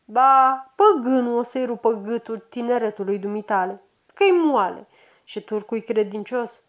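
A doubting, argumentative tavern drinker who scoffs at every boast, as a woman reading the story puts him on. He sounds somewhat high for a man. The recording is muffled and lo-fi. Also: natural voice. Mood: scoffing. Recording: dull lo-fi recording.

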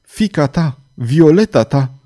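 A man's voice: on the high side, lively intonation, warm tone, pitched above the performer's own voice, natural voice. A man voicing an anguished, desperate cardinal. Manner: pleading, then crying out in despair. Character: anguished middle-aged male cardinal, desperate lover.

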